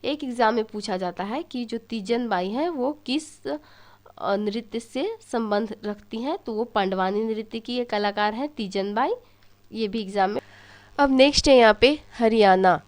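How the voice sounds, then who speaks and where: A woman's voice: on the high side, a little slow. A young woman teaching an exam-prep lesson, telling little stories and asking questions that she then answers herself. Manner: storytelling, asks questions and answers them herself.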